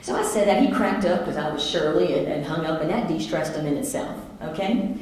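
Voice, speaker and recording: A woman's voice: sits low, fairly quick. Middle-aged woman, motivational speaker, chatty storytelling, very echoey hall. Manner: lively, conversational, animated. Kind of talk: storytelling keynote talk.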